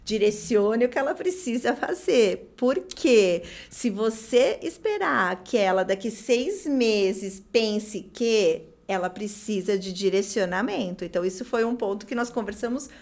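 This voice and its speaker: A woman's voice: mid-range voice, animated, measured pace, hardly any pauses, a little mellow. A woman with a Brazilian accent explaining as a guest trainer, emphatic and didactic, repeating key points. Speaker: guest hair-salon service trainer. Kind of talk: conversational explaining.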